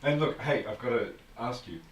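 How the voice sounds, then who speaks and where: A man's voice: medium pitch, expressive, normal speed. A man hosting an interview, affirming and curious as he asks questions, on a video call. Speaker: host. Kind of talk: interview conversation. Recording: distant roomy mic with faint noise.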